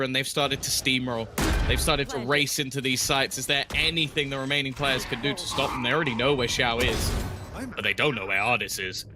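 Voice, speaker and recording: Chatty male esports analyst. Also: mid-range voice. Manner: chatty, hedging, thinks aloud with restarts. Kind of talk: colour commentary. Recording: broadcast with game noise behind.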